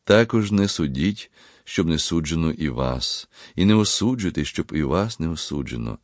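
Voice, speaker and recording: A man voicing a gentle, devout young pharmacist who speaks quietly, slowly and sorrowfully. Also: extremely low pitch, animated, dry recording, clean studio sound.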